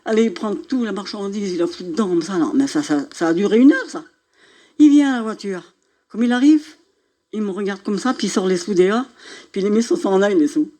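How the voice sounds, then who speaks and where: Speaking fast in a mid-range voice, an older woman from northern France shares a religious testimony at church. She brings the story to life, acting out each exchange of dialogue.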